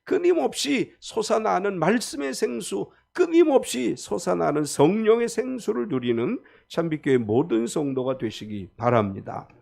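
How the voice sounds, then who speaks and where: A man's voice: sits high, lively intonation, normal speed, creaky, few pauses, a little mellow. A man preaching a sermon as pastor, talking expressively and acting out the people he quotes.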